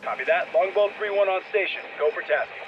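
A man's voice: high-pitched, fairly quick, heavy background noise. An actor playing a male military pilot, speaking in clipped radio procedure, muffled through an oxygen mask radio. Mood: curt.

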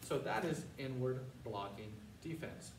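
In a large indoor martial arts studio, an older male karate instructor calls out short, counted cues in a commanding, instructional way during call-and-response drills. His mid-range voice has lively intonation, a measured pace and vocal fry, and the far camera mic makes it sound roomy and distant with faint noise.

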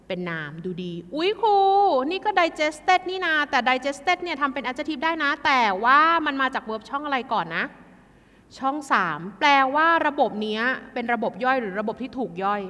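A woman tutoring an exam class in a lively, chatty way, addressing students like kids. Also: high-pitched, big-room sound.

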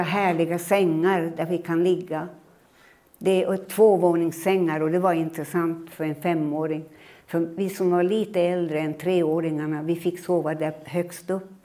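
Woman, 80s, from Finland, lecture, personal storytelling, measured, reflective, lowish voice. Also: warm tone. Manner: measured, reflective storytelling that acts out her own remembered words.

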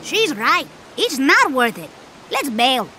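Sassy cartoon monkey girl, real high and bright. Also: very animated, slow pace, faint music behind, heavily acted. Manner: blunt, sassy.

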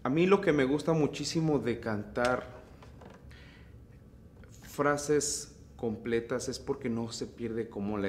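A man with a Mexican accent, a mariachi singer teaching vocal technique in an unhurried, relaxed way. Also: mid-range voice, slight background noise. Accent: Mexican Spanish. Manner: unhurried, explains phrasing, breaks into singing. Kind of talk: relaxed vocal tutorial with sung demonstrations.

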